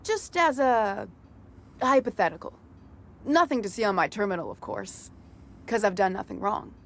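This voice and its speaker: Smug, evasive office worker. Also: female voice, medium pitch, lively intonation, moderate pace, creaky, fairly bright tone, a little hiss or hum. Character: smug, evasive office woman denying wrongdoing. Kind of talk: video game voice acting.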